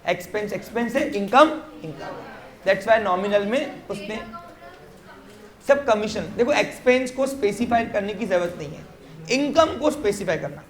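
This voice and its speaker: A man's voice: sits high, animated, normal speed. A man teaching a commerce class in a classroom, explaining step by step and often quizzing his students with short check questions. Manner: mixes English terms into Hindi explanation. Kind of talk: classroom lecture. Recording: roomy classroom echo.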